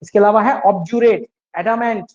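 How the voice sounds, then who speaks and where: A man's voice: high voice, fairly even intonation, a little fast, darkish tone, dull audio. A man teaching English vocabulary in an online exam-prep class, drilling students with repeated questions and mixing English words into Hindi explanations.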